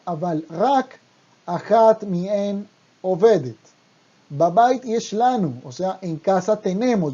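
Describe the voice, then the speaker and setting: A Hebrew teacher giving an online language lesson, speaking deliberately and repeating each word twice. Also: medium pitch, mellow, dull audio.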